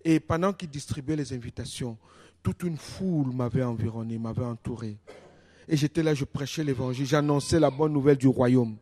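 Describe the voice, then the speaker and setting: A male pastor preaching a sermon in a church, telling stories with animation, his voice dropping to a hush and then rising loudly. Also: medium pitch, fairly quick. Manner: animated storytelling, swings between hushed and loud.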